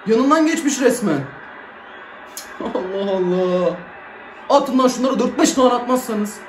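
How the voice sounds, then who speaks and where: A man giving live reaction commentary on a football match, excitable, swinging between shouting and grumbling, in casual slang. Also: extremely high pitch, a little slow, slight background noise. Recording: echoey room.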